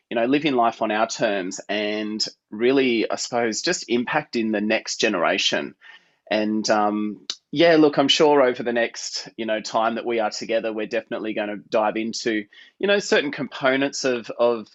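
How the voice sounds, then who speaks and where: A man's voice: fairly low pitch, dull audio. A man from New South Wales with an Australian accent, a guest chatting upbeat and casually from his home office over a video call, with plenty of filler words. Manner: upbeat, chatty, many fillers like "look" and "hey". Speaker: guest entrepreneur. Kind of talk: casual interview chat.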